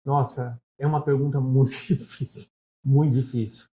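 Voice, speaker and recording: A middle-aged man from Brazil, São Paulo accent and all, chats as an interview guest, recounting stories and sprinkling in "né?" often. His mid-range, dark-toned voice moves little in pitch and keeps a moderate pace.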